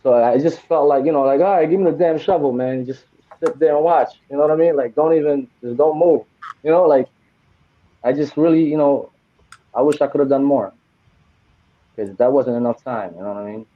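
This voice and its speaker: This podcast co-host and trip volunteer is in his forties and speaks in a somewhat high, brisk voice. His casual chat is relaxed and sincere, sprinkled with plenty of "you know." There's no room sound, just a dry, tinny tone like a phone line.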